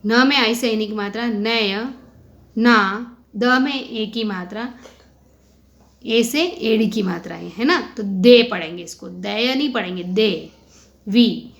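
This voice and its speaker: A woman with a fairly high voice leads a kindergarten reading lesson. She goes very slowly, breaking each word into single syllables and pausing to ask what they make. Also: a bit bright. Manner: sounds out syllables one by one and asks questions. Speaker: kindergarten Hindi teacher. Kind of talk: slow spelled-out phonics lesson.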